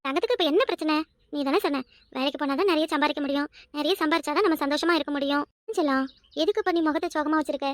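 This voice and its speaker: A woman voicing a loud, fussing village grandmother and a young wife in a cartoon, with a high, wailing, scolding way of talking. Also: very fast, no room sound, close to an everyday voice. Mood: tender coaxing. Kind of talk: cartoon voice acting.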